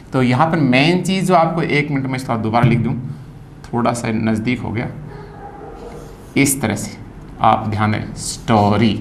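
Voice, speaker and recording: A man teaching a phonetics lesson, spelling words out and repeating each sound slowly. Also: medium pitch, a little hiss or hum.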